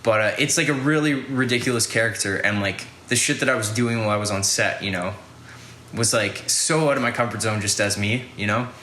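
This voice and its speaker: A man's voice: fairly low pitch, a little fast, bright, forceful tone, reverberant, a little hiss or hum. A young man hosting a podcast, telling a casual story in a rambling way, full of fillers and swearing. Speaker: podcast host.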